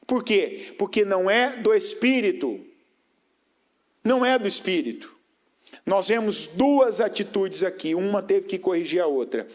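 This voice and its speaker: A man delivers a sermon in a high-pitched voice. He keeps throwing rhetorical questions at his congregation. His delivery climbs into raised, emphatic phrases and then sinks into low, quiet stretches. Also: lively intonation, unhurried. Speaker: preacher.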